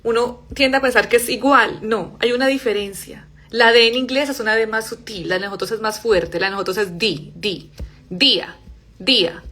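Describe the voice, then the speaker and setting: A young Spanish-speaking woman teaching a live English pronunciation class, explaining in Spanish and modeling English words slowly and softly. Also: on the high side, soft background music.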